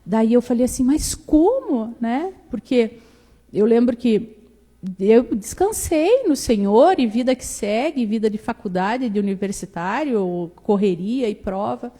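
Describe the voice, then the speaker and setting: A young woman giving a lively personal faith testimony, acting out the dialogue as she tells it. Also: a little high, unhurried. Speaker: church testimony speaker. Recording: reverberant hall.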